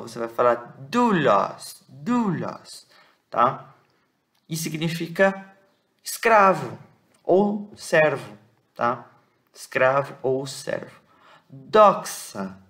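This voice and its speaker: A man's voice: fairly high pitch, a bit bright. Patient man teaching Greek. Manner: patient, repeats words slowly, frequent "tá?" checks. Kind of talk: explanatory lesson.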